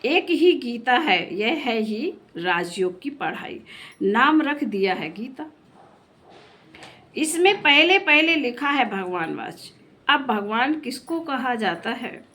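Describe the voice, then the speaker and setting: A woman's voice: a little high, a bit bright. A woman teaching a spiritual class, explaining a scripture reading in an earnest sermon and asking her listeners questions.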